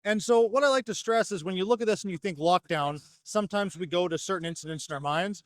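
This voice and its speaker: In an interview on a trade show floor, a company representative from North America explains a product fluently and in an organized way. He talks fast in a high-sitting voice, and the recording is studio quality without any room sound.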